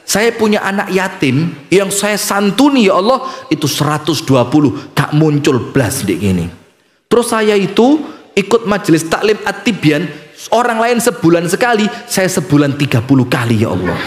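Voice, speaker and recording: Guy putting on a fussy auntie, complaining, echoey hall, pitch jumping around. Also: sing-song, moderate pace. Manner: complaining, protesting. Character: indignant middle-aged woman pilgrim at judgment.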